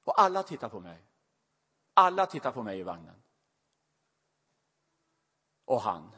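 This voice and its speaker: A man's voice: mid-range voice, very animated, sharp tone, husky. A middle-aged man preaching a sermon, telling a personal story in a confessional way that grows emotional. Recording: long reverb of a large hall.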